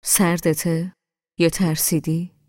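A woman voicing a serious, gentle young husband who asks questions with quiet concern. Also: fairly low pitch, level tone, dry recording, clean studio sound, in a large hall, lightly acted.

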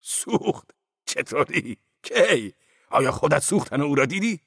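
A boisterous, earthy old rogue in a storybook drama, played by a man, his deep, gravelly and husky voice full of teasing swings. The sound is dry and close. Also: expressive, fairly bright tone, no echo, full character voice. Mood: incredulous. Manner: gruff, teasing, laughing. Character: boisterous, earthy older man, gruff and mocking. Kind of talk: audiobook drama acting.

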